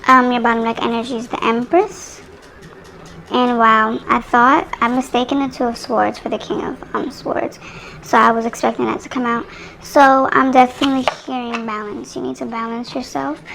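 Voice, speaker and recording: A woman's voice: fairly high pitch, little pitch movement, moderate pace, creaky, background noise. A young woman giving a casual tarot reading to viewers, chatty and rambling as she addresses them directly, recorded on a phone. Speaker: tarot reader. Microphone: phone microphone.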